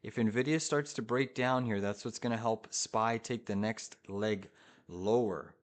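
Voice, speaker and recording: A man's voice: fairly low pitch, measured pace. A man hosting a live trading stream, giving urgent, hyped commentary to viewers in short repeated phrases. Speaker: live-streaming day trader, host.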